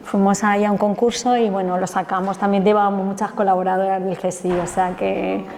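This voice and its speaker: A woman's voice: medium pitch, little pitch movement, brisk, darkish tone. A woman lecturer, chatting enthusiastically and colloquially while taking questions after her talk. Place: lecture hall. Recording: long reverb of a lecture hall.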